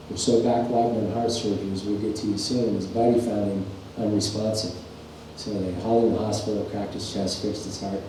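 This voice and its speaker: A middle-aged farrier instructor tells folksy, rambling stories during a clinic presentation in a large workshop or clinic hall. His voice is on the low side with a dark tone, recorded in an echoey shop by a far-off mic with a faint hum.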